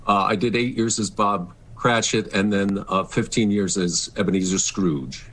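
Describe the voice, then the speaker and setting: This middle-aged or older stage actor, a guest calling in remotely by video, reflects casually yet earnestly and expressively during an interview. His voice is on the low side and a bit bright, at a normal speed.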